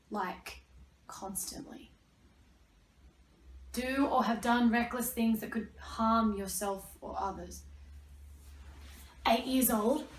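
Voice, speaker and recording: A young Australian woman performing a wry, confessional theatre piece, swinging between loud and hushed lines. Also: on the high side, a little hiss or hum. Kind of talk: theatrical monologue and scene. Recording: echoey room.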